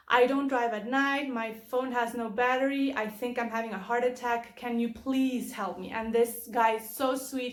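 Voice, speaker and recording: A woman telling personal faith testimony in a casual, rambling way, full of restarts and asides. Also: on the high side. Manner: rambling storytelling with many restarts. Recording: roomy echo.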